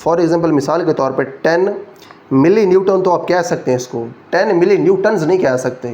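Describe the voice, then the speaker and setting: Speaking at a moderate pace in a fairly high, darkish voice, a Pakistani Urdu-accented man teaches physics in a classroom lecture. He takes his students through every rule one step at a time, pausing to check on them.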